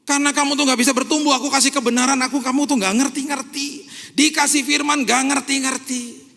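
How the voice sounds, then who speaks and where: A man doing an impatient God, high-pitched and gravelly, scolding slow learners in a pleading, chiding tone. The voice rings out with a long church-hall reverb. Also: steady tone, bright, forceful tone, heavily acted. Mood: exasperated. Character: exasperated God scolding immature believers.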